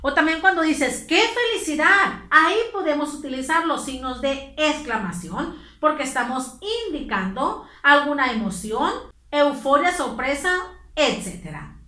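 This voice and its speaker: A woman's voice: high-pitched, sharp tone, reverberant. A woman teacher with a Mexican Spanish accent, patiently explaining a lesson to pupils. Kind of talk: online class lesson.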